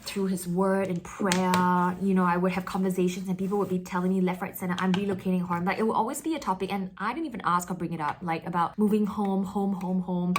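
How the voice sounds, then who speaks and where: Young woman vlogger, chatty and rambling, lowish voice. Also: level tone, fast, hardly any pauses, a little hiss or hum. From Singapore. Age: young adult. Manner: chatty, many fillers like "like" and "you know". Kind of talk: casual talk while getting ready.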